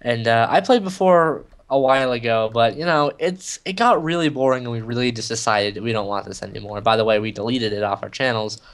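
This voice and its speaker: Chatting casually over gameplay, this young co-host spins a story full of fillers, speaking briskly at medium pitch with hardly any pauses.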